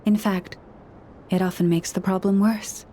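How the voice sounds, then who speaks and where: Playing a video game's gentle young Moon Chanter, a woman speaks with calm, earnest measure as a caring counselor to people and animals. The medium-pitched delivery is lightly acted, with slight background noise.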